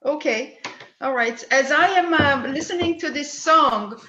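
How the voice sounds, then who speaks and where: Woman medium, bright and tense tone, halting delivery full of restarts, echoey room. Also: sits high, lo-fi sound, a little hiss or hum. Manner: halting, with many restarts and fillers. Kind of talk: spirit mediumship demonstration.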